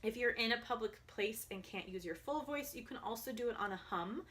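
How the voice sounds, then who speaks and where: A young adult woman voice coach calmly guiding listeners through vocal exercises, sometimes demonstrating. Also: fairly high pitch, a little fast, heavy background noise. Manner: calm, guiding, demonstrates vocal slides and counts. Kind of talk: instructional voice exercise video.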